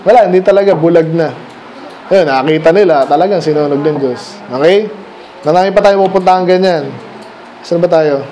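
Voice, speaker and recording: At church during a Sunday night service, a Filipino pastor preaches conversationally, hitting the congregation with rhetorical questions and code-switching between Tagalog and English. His mellow voice has a fairly high pitch and runs a little fast, with slight background noise behind it.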